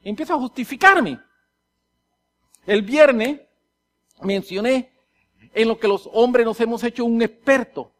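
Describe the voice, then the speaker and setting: Man, high voice, sermon, hushed then loud, acts out scenes. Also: a little slow, pauses often. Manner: swings from hushed, intimate delivery to loud dramatic outbursts. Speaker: preacher.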